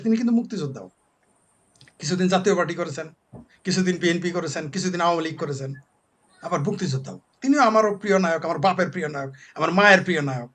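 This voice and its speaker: A man's voice: high voice, a bit bright. A man, a talk show guest giving heated, scornful political commentary with mocking lists.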